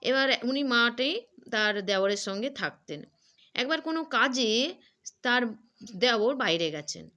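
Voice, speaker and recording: A woman telling a devotional story in a halting way, with frequent filler words. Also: fairly high pitch, pushed and bright. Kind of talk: religious story narration.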